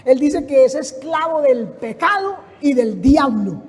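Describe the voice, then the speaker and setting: A man preaching a fervent sermon, often rising to a shout. His voice sits high for a man. A long reverb from the church hangs behind every phrase. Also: very animated, measured pace.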